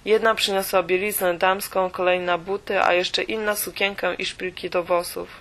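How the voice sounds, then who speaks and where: Woman narrating an audiobook, flat and steady. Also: lowish voice. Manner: steady, measured reading. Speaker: audiobook reader. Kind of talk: first-person audiobook narration.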